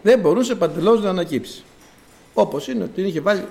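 A man preaching a sermon in an animated, emphatic way. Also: high-pitched, vocal fry. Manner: animated and emphatic, acting out quoted voices.

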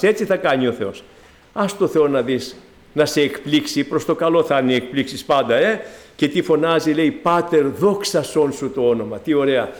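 A man delivers a sermon in a fairly high voice. He preaches emphatically, climbing to loud exclamations and then sinking low to address his listeners. He mixes in dry, ironic, mocking asides.

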